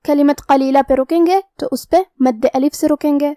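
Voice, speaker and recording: A woman teaching Quran recitation rules, explaining each letter step by step and reciting verses slowly. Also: high-pitched, steady tone, dark tone, dry recording, studio quality. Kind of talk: tajweed lesson, slow explanatory teaching.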